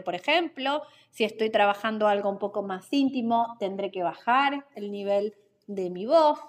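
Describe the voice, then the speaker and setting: A woman hosting an instructional podcast, explaining communication skills in a clear, measured, teacherly way with rhetorical questions. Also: mid-range voice.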